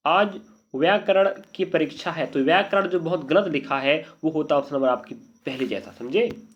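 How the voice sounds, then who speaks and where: A man with a slightly high voice teaches an exam-prep spelling lesson. He keeps asking his students whether they follow. The audio is dull and lo-fi. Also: moderate pace. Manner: repeated checking questions to students.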